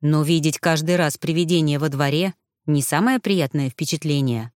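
A woman voicing a calm, patient male mage who coaxes a frightened girl. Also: moderate pace, no room sound, studio quality, lightly acted. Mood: calm persuasive. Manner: calm, coaxing, low-pitched.

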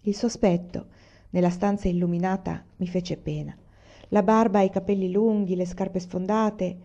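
A woman reading a novel aloud as an audiobook narrator, calm and measured, in a lo-fi recording. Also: medium pitch. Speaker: reader.

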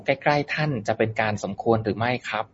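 A man's voice: fairly low pitch, a little fast. A man moderating a dharma talk, politely reading out listeners' questions to a monk. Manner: polite, reads questions aloud. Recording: dull lo-fi sound with faint noise.

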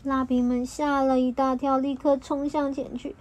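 A woman reading a children's storybook aloud to a child, in a lilting, expressive voice. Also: high voice, normal speed.

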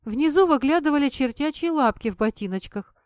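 A woman narrating a fantasy story in the first person with an expressive, lively reading. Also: high voice, brisk, dry recording, clean studio sound. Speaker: audiobook narrator.

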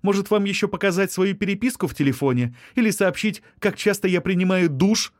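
A man's voice: high voice, expressive, fairly quick, no room sound, clean studio sound, voice pushed up. A man voicing a young woman who is cold, curt and sharply dismissive in an audiobook. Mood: mocking. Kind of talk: audiobook character reading.

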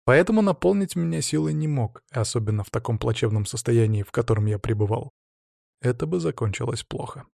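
Gravelly male audiobook narrator. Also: medium pitch, expressive, a little fast, a little mellow, dry recording, clean studio sound. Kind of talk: first-person fantasy audiobook narration.

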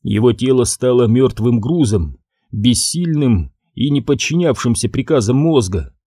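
A man narrating a novel in a measured, even storytelling voice. His tone is dark and mellow, sitting at a middle pitch. The recording is dry and close, with no room sound. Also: husky, no echo. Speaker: audiobook narrator. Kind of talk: scripted narration.

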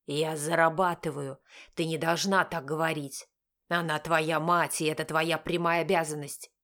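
A woman's voice: flat delivery, normal speed, fairly bright tone. A woman putting on a harsh, angry father. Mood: stern. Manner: curt, accusing, speaks in low clipped bursts. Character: stern angry middle-aged father, bitter and harsh. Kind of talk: audiobook character voice.

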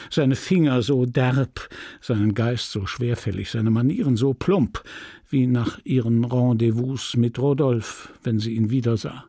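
A man reading a literary novel aloud as an audiobook, measured and expressive. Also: medium pitch, no room sound, studio quality. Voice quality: gravelly, husky. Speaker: audiobook reader.

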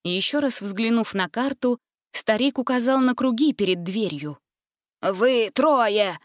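A woman reading a fantasy storybook aloud as narrator, in measured, clear narration. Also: on the high side, lively intonation, no room sound, clean studio sound.

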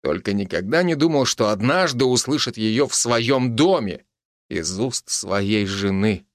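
A man narrating a scripted story with expressive, dramatic delivery. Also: lowish voice, a little slow, dry recording, studio quality.

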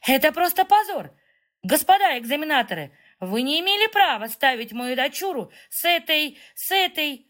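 A woman voicing a pompous, overbearing middle-aged mother who shouts with indignation in an audiobook. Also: high voice, big pitch swings, normal speed, pitched above the performer's own voice. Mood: indignant.

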